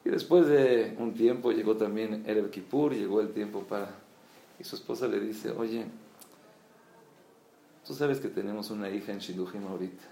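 A man, a religious teacher giving a storytelling sermon and acting out the quoted dialogue with lively shifts in voice. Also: normal speed, vocal fry. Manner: animated, acts out quoted dialogue with rising pitch. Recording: echoey room with faint background ambience.

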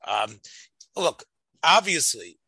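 Emphatic man with bright. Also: on the high side, sing-song, vocal fry, slightly rough, no echo. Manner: argumentative, emphatic, halting with repeated words. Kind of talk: religious debate, conversational.

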